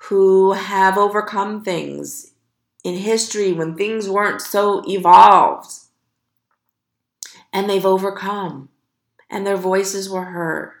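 Slow, gravelly-voiced woman podcast host. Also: mid-range voice, roomy sound. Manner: encouraging, earnest, speaks slowly with emphasis. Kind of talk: motivational podcast monologue.

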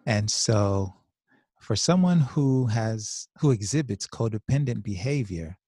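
A man on a podcast with a low, mellow voice, speaking in a thoughtful, measured way with frequent small restarts. He sounds like a clinician weighing his words in a casual discussion, and the recording is dry and close. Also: animated, slightly rough, dry recording. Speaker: podcast host, clinical social worker.

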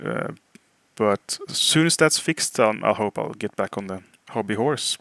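A Norwegian podcast host chats casually in English over a call, with a Norwegian accent, lots of hesitant fillers, and easy laughter. His voice is on the low side, creaky and fairly bright, and he speaks a little slowly but expressively. The recording is dry.

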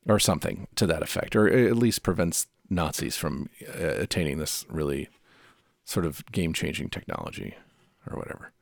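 A deep-voiced man talks through a film in a casual review chat. His pitch swings widely as he rambles and restarts his thoughts. The sound is dry and close. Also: moderate pace, creaky, dry recording. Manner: rambling, many restarts and fillers, animated. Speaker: podcast co-host.

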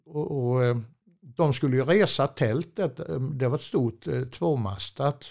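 An older man with a gravelly, creaky voice tells old road stories. He talks in a chatty, meandering way, stops and restarts, and chuckles often. His pitch sits in an ordinary middle range. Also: darkish tone. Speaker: storyteller, former truck driver. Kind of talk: rambling anecdotal storytelling.

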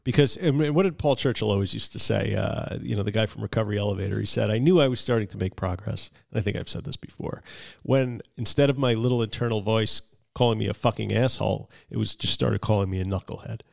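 A man's voice: lowish voice, fast talker, gravelly, few pauses, darkish tone. A man co-hosting a recovery podcast, talking casually, reading bits from notes and telling jokes. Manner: conversational, reads notes aloud, tells jokes. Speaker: podcast co-host.

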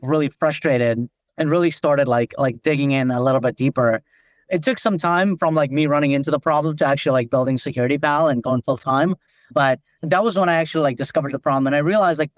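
The speaker is a Nepali man, a company founder and CEO, who explains things as a guest in a podcast interview, often saying "like." His voice is fairly high, and the audio has no echo.

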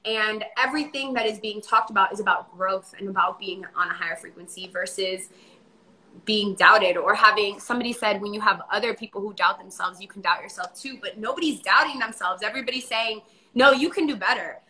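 A woman's voice: mid-range voice, brisk, bright, forceful tone, poor audio. A young woman co-hosting a casual live chat, chatty as she reads out viewer comments. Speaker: podcast co-host.

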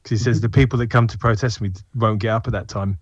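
A man's voice: lowish voice, fairly even intonation, quick pace, slightly rough, dry recording, lo-fi sound. A man co-hosting a casual comics podcast, rambling with hesitations. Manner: rambling, hesitant, with many fillers. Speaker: podcast co-host. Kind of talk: casual chat.

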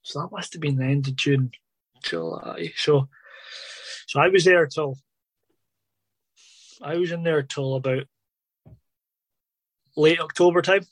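A man's voice: fairly high pitch, unhurried, pauses often, dry recording. A man telling stories in an interview about his days as a footballer, rambling casually with lots of fillers like "obviously" and "you know". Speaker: former footballer guest.

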